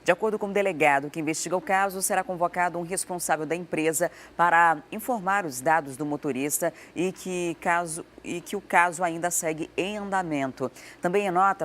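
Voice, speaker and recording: Brief: female anchor with an Amazonas Brazilian accent, lowish voice, formal and steady bulletin reading. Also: slight background noise. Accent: Amazonas Brazilian Portuguese. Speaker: TV news anchor. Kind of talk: read news bulletin.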